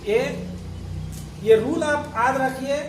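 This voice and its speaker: A man's voice: very high voice, slow pace, noisy background. A male teacher explaining grammar. He keeps asking rhetorical questions, answers them himself, and patiently repeats and spells out words. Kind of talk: classroom grammar lesson. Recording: echoey room, voice from far off.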